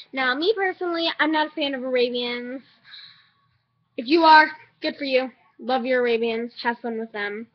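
A teenage girl with hiccups chatting excitedly and rambling in a home unboxing vlog. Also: on the high side. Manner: excitable, rambling, many fillers. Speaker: vlogger. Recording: lo-fi home recording.

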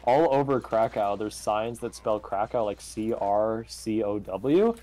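A man's voice: lowish voice, expressive, a little slow, dark tone. A man chatting casually with friends on a voice call, rambling and joking around. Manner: rambling, joking, fond of silly put-on accents. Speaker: group member in a gaming voice chat. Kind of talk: casual chat.

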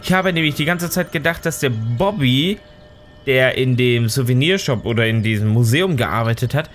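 A man's voice: medium pitch, a bit bright. A man doing casual let's play commentary, often stammering and reacting in short exclamations. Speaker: let's player. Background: game music.

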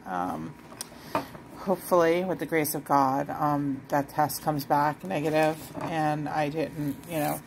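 A woman's voice: low voice, steady tone, takes it slowly, gravelly, noisy background. A woman fostering a kitten, chatting casually to it on a phone camera at home, swearing freely and cooing at it. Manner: swears casually, coos and sings silly songs to the kitten. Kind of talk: casual vlog chat to a pet.

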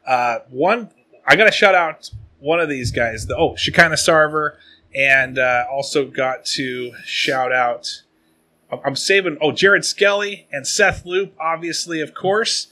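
Guy in his late 30s from the pacific northwest, podcast host, rambly and chatty, kinda bright voice. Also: fairly high pitch, a little slow. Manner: chatty, rambling, reads shout-outs. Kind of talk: casual podcast chat.

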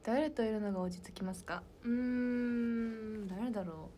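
Young woman idol, mellow soft voice, casual fan Q&A chat, whispered asides. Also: fairly high pitch, a little slow, a little hiss or hum. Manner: soft-spoken and chatty, drops into whispered asides. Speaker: idol talking with fans.

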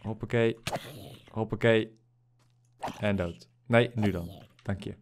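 This is a young man, chatting casually over a game session. His voice sits fairly low. He is prone to sudden loud, excited outbursts and rough language. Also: slow pace. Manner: bursts into loud excited shouting at finds, swears freely. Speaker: gamer. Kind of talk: casual gaming chat.

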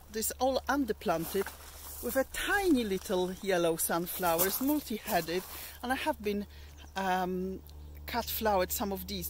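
A woman's voice: medium pitch, slight background noise. A middle-aged woman giving a casual walking tour of her allotment garden outdoors, chatting in a meandering way with plenty of ums and restarts.

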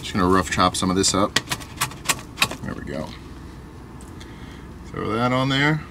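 A young man vlogging as he cooks in a small camper van kitchen, relaxed and chatty. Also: low voice, a little slow, gravelly. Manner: relaxed, chatty, talks while cooking. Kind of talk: casual cooking vlog. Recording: noisy camper van recording.

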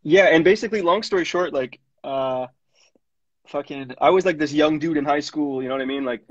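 A man's voice: on the high side, brisk, dry recording. A young man, a music producer telling stories in a casual radio interview, rambling and slangy with lots of fillers. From Montreal, Canada. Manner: rambling, laid-back slang-heavy storytelling with lots of fillers. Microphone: studio mic. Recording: dull lo-fi radio studio.

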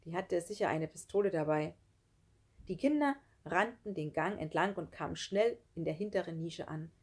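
A woman reading a children's book aloud with lively storytelling. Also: lowish voice, normal speed, breathy edge. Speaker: reader.

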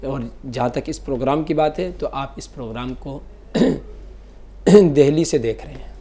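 Male mufti, dark mellow voice, patient step-by-step explainer. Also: mid-range voice, moderate pace. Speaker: mufti answering callers. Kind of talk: religious call-in explanation.

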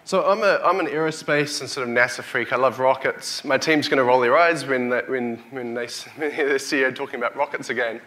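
A man in his thirties with a broad Kiwi accent speaks in a bright, forward voice at a medium pitch. He is delivering a keynote to a conference audience as a chief executive. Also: fast talker, few pauses. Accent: New Zealand. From New Zealand. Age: 30s. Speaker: company CEO, conference speaker. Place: hotel conference hall, on stage before an audience. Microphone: lapel or headset mic.

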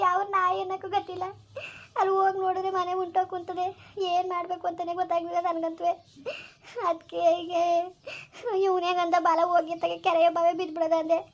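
A pleading, tearful young village wife. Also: female voice, extremely high pitch. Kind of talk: village family drama.

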